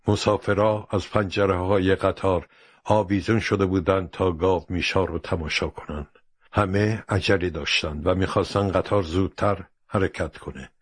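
A man narrating a storybook in a steady, measured way. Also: low-pitched, slightly rough, no echo, studio quality.

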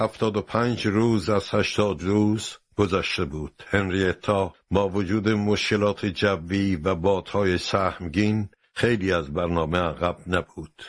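A man narrating a storybook in a steady, expressive reading voice. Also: low-pitched, no room sound, clean studio sound.

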